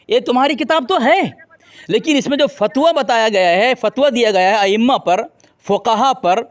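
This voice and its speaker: A man with a very high voice debates hotly on a call. He taunts and insults his rival, repeating his claims and demanding proof. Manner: combative, taunting, insulting the opponent. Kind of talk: heated religious debate.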